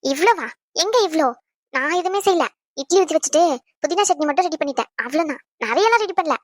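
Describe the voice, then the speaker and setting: A young woman plays an affectionate young wife in an audio drama, her voice bright and high. She chats along and fusses tenderly over her husband. The recording is close and dry. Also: expressive, fast talker, no room sound. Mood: chatty, fussing. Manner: chatty, fussing, tender. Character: caring young pregnant wife, chatty and affectionate. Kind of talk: Tamil audio drama acting.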